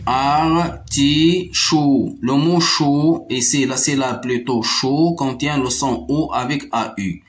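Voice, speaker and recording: Male primary teacher, Moroccan accent, very slow and deliberate, repeats words syllable by syllable for kids. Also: mid-range voice. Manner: repeats words slowly syllable by syllable, explains in Arabic too. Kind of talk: slow, deliberate French phonics lesson.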